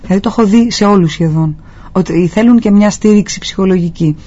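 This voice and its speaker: A guest physiotherapist on a talk show earnestly explains posture and treatment, advising listeners in interview answers. The voice is mid-range and warm with a breathy edge, and the recording sounds dull and lo-fi.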